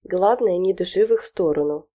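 A woman's voice: fairly low pitch, moderate pace, warm tone, lo-fi sound, close to an everyday voice. A woman voicing a cool, unflappable teenage girl who answers in short, offhand lines, in a storybook reading. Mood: bossy. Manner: laconic, offhand.

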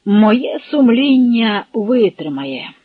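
Man playing a sly scheming commissioner, gloomy, gloating, breathy, unhurried, storybook. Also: sits high, lively intonation, dry recording, narrow, tinny audio, full character voice. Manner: gloomy, gloating, smooth-talking. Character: scheming, sly middle-aged male noble commissioner.

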